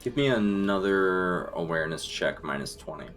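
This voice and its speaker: A man with a low voice runs a tabletop game as game master. He paints each scene in a deliberate, descriptive way. Quiet music plays behind him. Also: lively intonation. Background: background music.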